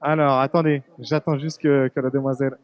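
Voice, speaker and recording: A man's voice: medium pitch, level tone, a little fast, dull audio. A young man reporting live from a busy fair hall, chatty and joking. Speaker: field reporter.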